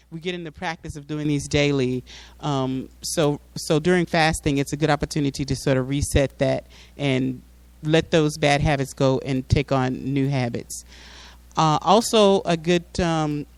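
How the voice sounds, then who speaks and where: Speaking in a fairly high pitch on a dry recording, this man addresses a community audience at a mosque in an informal, explanatory talk with slides. He frequently repeats words as he hunts for how to phrase things.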